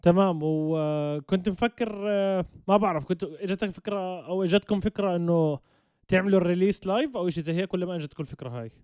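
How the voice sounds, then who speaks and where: A man's voice: high-pitched, quick pace, a little mellow, clear, resonant tone, no room sound, clean studio sound. A man with a Jordanian-Palestinian Levantine Arabic accent, asking casual questions as an interviewer.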